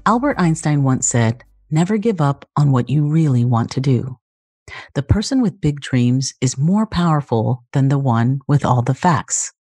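A woman with a low voice hosts a podcast in a polished, read style. The sound is dry and close, with faint music underneath. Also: lively intonation, unhurried, dark tone, slightly rough, no room sound. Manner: polished reading, then eager with many fillers. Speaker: podcast host. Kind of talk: scripted intro then interview chat.

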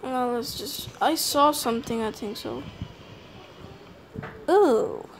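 A woman with a high voice plays as a scared horror game streamer. She comments casually at a slow pace, jumpy and prone to exclaiming and swearing. The recording has clear background noise. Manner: freely swearing. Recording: clearly noisy home gameplay recording.

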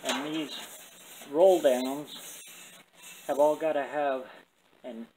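A man in his sixties with slightly slurred, toothless diction, talking in a folksy, halting, rambling way as he vlogs from his car workshop. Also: medium pitch, fairly even intonation, warm tone. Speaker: car builder and vlogger. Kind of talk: casual shop vlog, talking while working. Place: cluttered metal garage workshop, indoors. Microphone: camera a short distance away, later handheld. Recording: clearly noisy workshop ambience.

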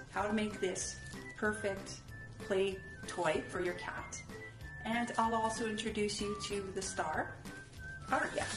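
A woman's voice: medium pitch, echoey room, far from the mic, poor audio. A middle-aged woman hosting a casual home how-to video, chatty with frequent ums, heard through old camcorder audio.

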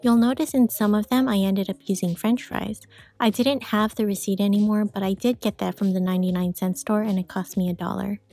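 A woman giving calm, matter-of-fact voice-over instructions for a home cooking video, explaining each step plainly. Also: mid-range voice, a little fast. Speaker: frugal cooking vlogger.

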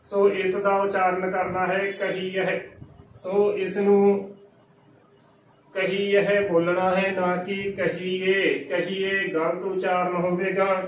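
A man with a Punjabi accent patiently teaches pronunciation, breaking each word into its letters. His voice sits high and even, with a slow, deliberate pace. He sounds set back from the mic in an echoey room with faint background noise. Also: far from the mic. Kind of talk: slow methodical spelling-out lesson.

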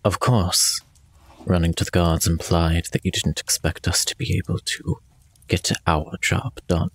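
A man playing a tabletop game, speaking in character in a measured, formal, quietly menacing way. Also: sits low, steady tone, no echo. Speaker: player. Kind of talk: in-character tabletop role-play.

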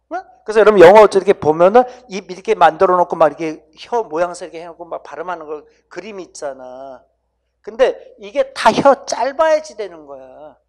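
Casual lecturing teacher, mid-pitched voice, talks down familiarly to students and keeps tagging "right?". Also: darkish tone. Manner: addresses students directly, coaxing them to repeat sounds. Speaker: English grammar teacher. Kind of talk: exam-prep lecture.

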